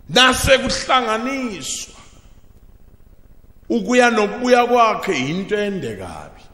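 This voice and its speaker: Guy preaching at a pulpit mic, high bright voice, shouts then goes quiet, lots of hall echo. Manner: bursts into shouted emphasis, then drops low. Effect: preaching through a pulpit microphone. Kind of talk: sermon. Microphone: pulpit microphone. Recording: long reverb of a large hall.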